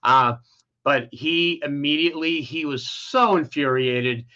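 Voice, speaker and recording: A man's voice: on the high side, measured pace, sharp tone, lo-fi sound. A middle-aged man, an interview guest, candidly telling a painful personal story with many restarts.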